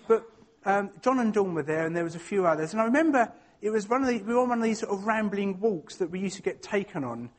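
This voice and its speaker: This is a man with an Essex accent and a notably high voice for a male speaker. He speaks informally to a church, telling personal anecdotes. His delivery is chatty and self-deprecating, often hesitating as he finds his way through a thought. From Essex, England.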